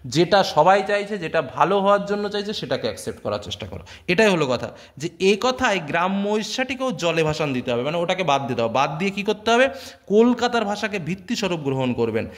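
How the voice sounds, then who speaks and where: High-voiced man teaching a literature lesson. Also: big pitch swings. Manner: reads quoted lines slowly, then explains in plain talk; keeps checking that students follow. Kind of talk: explaining a text to students.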